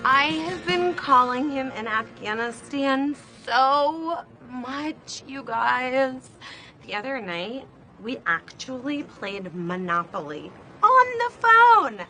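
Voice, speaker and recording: A bubbly oversharing friend. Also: female voice, sits high, big pitch swings, takes it slowly, bright, forceful tone, faint music behind, exaggerated voice. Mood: chatty. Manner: rambling, overshares. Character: bubbly oversharing young woman, goofy and blunt. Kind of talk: sitcom acting. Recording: faint background noise.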